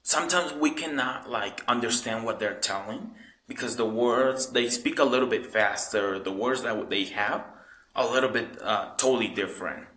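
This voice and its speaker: A Mexican man, a local tour guide whose first language is Spanish, answering interview questions in halting English full of "like". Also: mid-range voice, sharp tone, echoey room, low-quality recording. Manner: halting non-native English, frequent "like".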